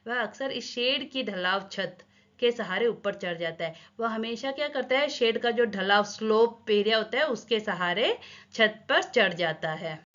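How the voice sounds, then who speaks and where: A woman's voice: fairly high pitch, lively intonation, measured pace, fairly bright tone. Woman teacher glossing words, dull lo-fi sound. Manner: rereads each sentence, then glosses Hindi words in English; addresses children as she teaches. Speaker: Hindi teacher. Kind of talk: explaining a school lesson.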